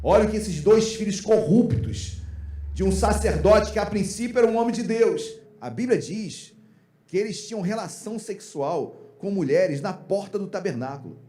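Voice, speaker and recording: High-voiced Brazilian pastor preaching. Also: male voice, echoey room. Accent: Brazilian Portuguese. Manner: emphatic, addresses congregation warmly as "queridos". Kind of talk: sermon.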